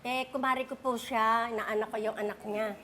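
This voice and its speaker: A woman speaking through a voice changer that shifts her voice very deep, defending a neighbor in a defensive, pleading tone on a public complaint show. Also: fairly even intonation, moderate pace, background noise. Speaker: neighbor defending a homeless friend.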